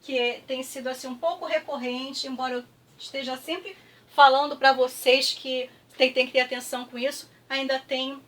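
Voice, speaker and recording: Brief: Brazilian woman teacher, high voice, patient, drills syllables slowly, mic set back from her. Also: fairly even intonation, a bit bright, distant mic. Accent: Brazilian Portuguese. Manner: patient, repeats words slowly with clapping, frequent "tá?" checks. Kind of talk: classroom review lesson.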